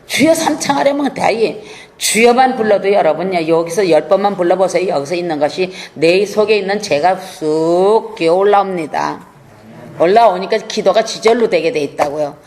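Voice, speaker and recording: A woman's voice: fairly low pitch, normal speed, darkish tone. A woman pastor giving an emphatic, colloquial sermon.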